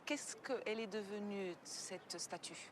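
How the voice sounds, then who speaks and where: A woman's voice: mid-range voice, slow pace, background noise, natural voice. A woman playing a patient Portuguese professor mother. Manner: patient, explanatory, formally polite. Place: outdoors at an ancient site.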